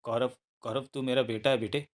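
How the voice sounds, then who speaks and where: A man's voice: mid-range voice, fairly even intonation, a little fast, lightly acted. An anxious middle-aged mother, read by a man.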